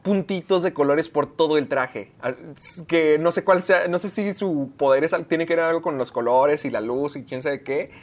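A co-host in casual podcast chat, animated and quick to exclaim in disbelief. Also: medium pitch.

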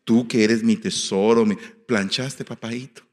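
A male preacher voicing an older mother who gently scolds her son in a slow, sweet, reproachful way, heard in a reverberant hall. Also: mid-range voice, steady tone, lightly acted. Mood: fond scolding.

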